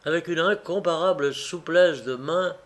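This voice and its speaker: A man reading a classic novel aloud in a slow, measured, expressive narration. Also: fairly high pitch. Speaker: audiobook reader.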